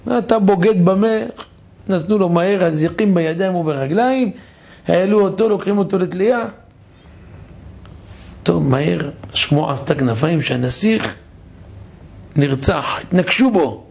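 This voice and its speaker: A man, a rabbi, giving a sermon in a synagogue and telling a parable with animated delivery. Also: high-pitched, pauses often. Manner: animated storyteller, gravelly. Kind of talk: sermon with storytelling.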